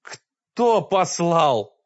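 A man voicing a furious old wizard with a shouting, raging manner. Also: mid-range voice, measured pace, no room sound, dull audio, natural voice. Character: furious old male wizard, fiery-tempered.

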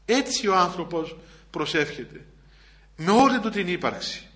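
A man's voice: high voice, very animated, fairly bright tone. A man, an Orthodox priest, preaching a spiritual sermon in a plain conversational way, repeating phrases for emphasis and often hesitating and restarting. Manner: chants psalm verses in an older liturgical register.

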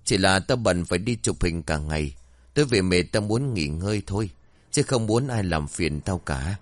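A vain young village woman with a sharp, mocking tongue, as a male storyteller puts her on. The voice is pitched up above his own low register and swings widely in tone. The sound is dry and close. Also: animated, moderate pace, no echo. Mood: smug.

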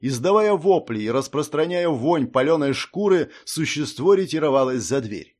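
A man's voice: fairly high pitch, animated, normal speed, darkish tone. A man reading a fantasy audiobook aloud, storytelling expressively. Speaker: audiobook reader.

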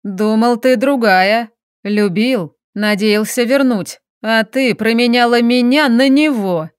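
A woman voicing a bitter, mocking estranged husband who spits out his words slowly. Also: fairly high pitch, clean tone, no echo, studio quality.

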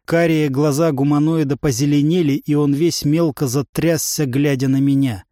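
A man narrating a first-person fantasy story in an even, wry storytelling manner. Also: a little high, normal speed, dry recording, clean studio sound. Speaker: audiobook narrator.

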